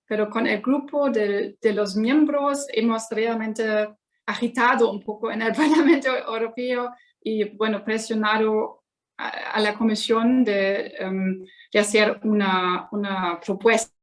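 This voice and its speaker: A woman from Germany with a German accent, speaking as a non-native guest on a webinar panel, haltingly searching for words. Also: fairly high pitch, steady tone. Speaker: guest politician, member of parliament.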